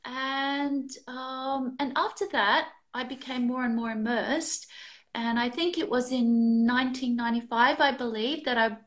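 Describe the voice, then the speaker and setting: A woman's voice: sits high, unhurried. Chatty Australian woman on a video call. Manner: chatty and relaxed, laughs often between thoughts. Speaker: interview guest, photographer. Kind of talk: casual video-call interview. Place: room at home, indoors. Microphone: video call, built-in mic.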